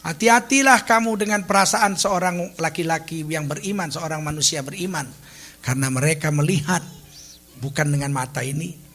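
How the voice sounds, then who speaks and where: Bright, high-voiced animated male preacher. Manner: animated, humorous, acts out little quoted voices. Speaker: Islamic preacher. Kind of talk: sermon.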